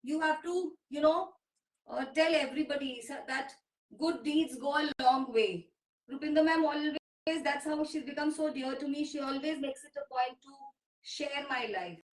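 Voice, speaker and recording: A middle-aged woman with an Indian English accent, selling clothes on a live stream and mixing Hindi with English. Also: far from the mic. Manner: mixes Hindi and English, drawn-out sales pitch. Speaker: seller hosting a live sale. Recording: echoey room, voice from off the mic.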